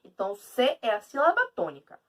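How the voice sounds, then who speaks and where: A woman teacher with a Brazilian Portuguese accent giving a video lesson in an emphatic, lively way. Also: on the high side, fast, distant mic.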